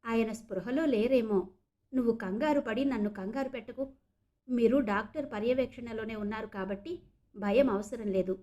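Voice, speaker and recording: A woman's voice: on the high side, normal speed, mellow, close to an everyday voice. A woman voicing a worried young man who talks anxiously and then soothingly on the phone. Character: worried young man, caring fiancé type.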